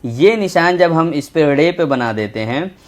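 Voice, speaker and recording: A man teaching a children's Urdu lesson, patient and slow, repeating each letter as he writes. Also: on the high side, expressive. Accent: Indian Urdu. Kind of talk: textbook lesson for young children.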